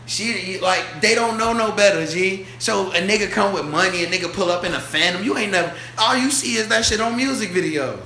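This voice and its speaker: A man in his twenties holds forth on a podcast in an animated, profane street-slang style. His voice is bright and a little high, and it bounces around an echoey room with faint background noise. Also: a little fast, few pauses. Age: 20s. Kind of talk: casual podcast chat.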